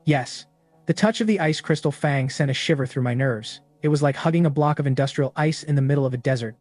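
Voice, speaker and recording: A man narrating a story recap in the first person, in a steady, matter-of-fact way. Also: medium pitch, fast, no room sound, soft background music.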